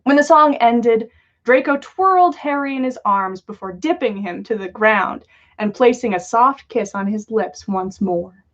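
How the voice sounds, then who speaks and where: On a livestream with dull lo-fi audio, a playful woman who giggles often reads listeners' stories aloud as a podcast host and chats casually. Her pitch is fairly high and her pace a little slow.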